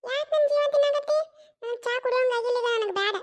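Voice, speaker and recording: A performer voicing a stubborn, scolding older mother-in-law in a cartoon, speaking with a North Karnataka Kannada accent and drawn-out retorts. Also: very high-pitched. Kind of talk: cartoon voice acting.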